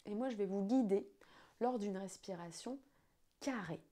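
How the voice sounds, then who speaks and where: A woman's voice: mid-range voice, unhurried, warm tone. A woman speaking as a yoga teacher, giving an instructional explanation to students.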